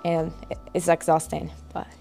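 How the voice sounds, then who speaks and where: A young Brazilian woman whose first language is Portuguese answers casual interview questions as a guest student. Her deep, gravelly voice is warm but monotone, and her speech is halting, full of restarts and fillers, with soft music playing behind her.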